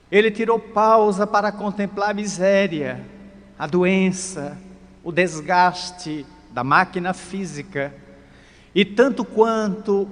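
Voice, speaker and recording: A man giving a dramatic, storytelling spiritist sermon in a lecture hall, swinging between loud and hushed. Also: high-pitched. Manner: dramatic, with big swings in loudness. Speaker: spiritist speaker. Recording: long reverb of a lecture hall.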